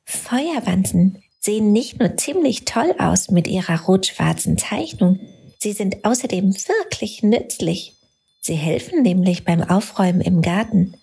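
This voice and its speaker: A woman voicing a tiny, kind talking light that speaks in a soft, comforting, encouraging way. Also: medium pitch, lively intonation, unhurried, gravelly, breathy edge, exaggerated voice. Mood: gentle, caring.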